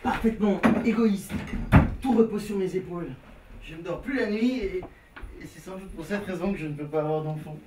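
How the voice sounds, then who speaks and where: A man's voice: sits high, a little fast, recorded from a distance, very noisy, natural voice. An actor playing a naive, anxious man who complains and dreams of a family, in a live stage comedy. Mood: exasperated. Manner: fretful, complaining, breaks into singing. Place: theater stage. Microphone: distant room mic. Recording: echoey live stage recording from afar.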